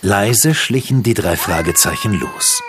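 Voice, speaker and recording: A man's voice: fairly low pitch, wildly swooping pitch, measured pace, noisy background. A man narrating a youth mystery audio drama in a dramatic, suspenseful way.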